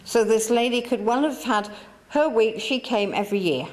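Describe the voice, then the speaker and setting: Fairly high-pitched, animated and slightly mellow, this English woman talks at a moderate pace. Working as a spiritualist medium in a church hall, she coaxes her audience in a chatty style that keeps circling and repeating.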